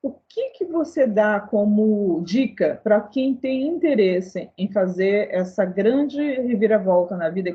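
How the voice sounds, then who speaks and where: A woman's voice: medium pitch, highs cut off. A woman hosting a casual interview, chatty and asking long, winding questions. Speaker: interview host.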